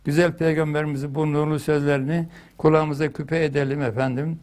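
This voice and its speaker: An older man delivering a religious lesson in a fairly high voice. He tells stories with animated energy and now and then chants a phrase loudly for emphasis. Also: a little fast. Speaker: religious teacher.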